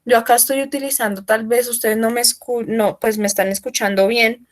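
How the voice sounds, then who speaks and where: Woman, slightly high voice, online trainer, speaks up loudly, explains step by step, checks in often. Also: fairly even intonation, fairly quick. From Colombia. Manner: explanatory, asks frequent check-in questions; speaking loudly for remote listeners. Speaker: workshop trainer.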